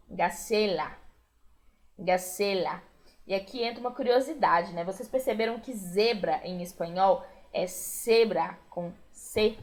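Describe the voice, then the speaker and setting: This recorded Spanish lesson is taught by a woman with a Brazilian Portuguese accent and a medium-pitched voice. She patiently says each word again clearly.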